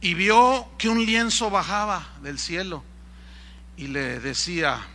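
A pastor preaches with an animated, ironic delivery, and his voice sits high. The tone is very bright and cutting, and he keeps pushing questions at his listeners. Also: slow. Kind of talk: sermon.

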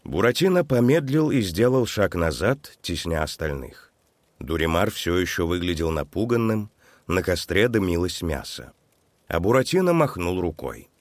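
Male audiobook narrator, low voice, animated delivery, close dry sound. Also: normal speed, no echo. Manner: expressive, dramatic storytelling. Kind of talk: storybook narration.

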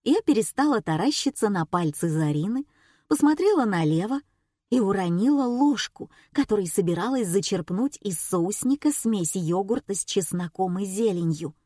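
A woman reading a comic novel aloud as narrator, expressive and wry. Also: mid-range voice, normal speed, no room sound, clean studio sound. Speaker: audiobook reader. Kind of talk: scripted narration.

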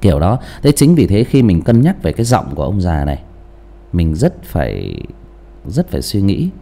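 A gravelly, low-pitched male voice at a moderate pace belongs to an audiobook narrator chatting casually about character voices. Animated throughout, he restarts and repeats phrases a lot and frequently turns rhetorical questions on his listeners.

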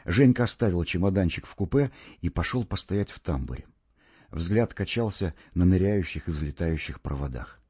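A man narrating a short story aloud in an expressive, wry storytelling manner. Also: sits low, moderate pace, husky, no room sound. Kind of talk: audiobook reading of a short story. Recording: dull lo-fi recording with faint music.

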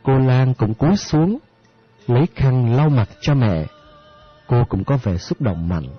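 A man narrating an audiobook in a steady storytelling manner. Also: medium pitch, a little slow, breathy edge, faint music behind. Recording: dry, slightly muffled audiobook.

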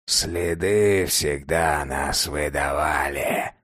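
A man reading an audiobook voices a gruff, grumbling old vampire who talks slowly and curtly. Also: lively intonation, no room sound, studio quality. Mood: weary. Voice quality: low, growling. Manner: slow, weary, curt. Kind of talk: audiobook character voice.

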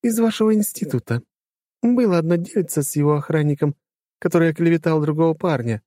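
A man voicing a confident young woman lawyer in an audiobook, composed and quick-witted. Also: fairly high pitch, warm tone, no room sound, clean studio sound, voice pushed up, natural voice. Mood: friendly. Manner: poised, mocking, composed. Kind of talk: audiobook character voice.

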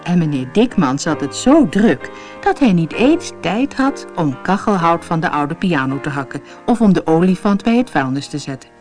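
Lively woman reading a children's tale. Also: on the low side. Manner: expressive, lively storytelling. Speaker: storyteller. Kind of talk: audiobook narration for children.

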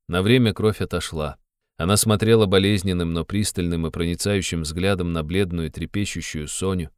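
A man narrating an audiobook in a steady literary reading. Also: deep voice, clean tone, no echo, clean studio sound.

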